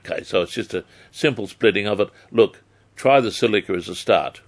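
An Australian man giving health advice on a live phone-in, measured and formally worded. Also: lowish voice. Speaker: health advice expert on radio.

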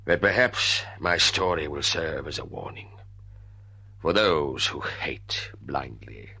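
A man's voice: rumbling low, animated, slow, vocal fry, bright, forceful tone, a little hiss or hum, heavily acted. An actor playing an embittered, tormented father in a radio drama, speaking and narrating with grave, dramatic intensity. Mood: grave, bleak. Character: embittered, tormented father haunted by a blood feud.

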